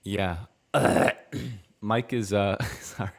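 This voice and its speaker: A man's voice: lowish voice, steady tone, drawn-out words, gravelly. A man co-hosting a podcast in casual chat, laid-back with dry teasing. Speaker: podcast co-host.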